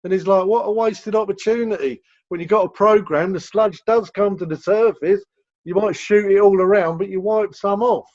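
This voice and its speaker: A man's voice: high voice, normal speed, darkish tone. A man with an English accent answering questions as a rehab director on a video call, explaining at length and repeating words as he goes. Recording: dull lo-fi video call audio.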